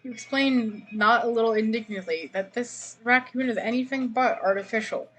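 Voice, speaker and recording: A woman's voice: fairly high pitch, normal speed, poor audio. A woman reading comic second-person game narration aloud, casually and with stumbles over words. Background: music.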